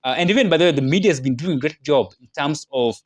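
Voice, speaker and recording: A man's voice: a little high, animated, fast talker. A man with a Kenyan accent giving casual political commentary as a vlogger, chatty and full of "you know" fillers. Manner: chatty, many "you know" fillers, laughs at own points.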